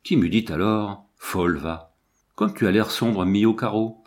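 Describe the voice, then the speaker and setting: A man's voice: lowish voice, a little slow, natural voice. A man reading the part of a haughty, mocking Italian countess in an audiobook, with a theatrical, declaiming manner.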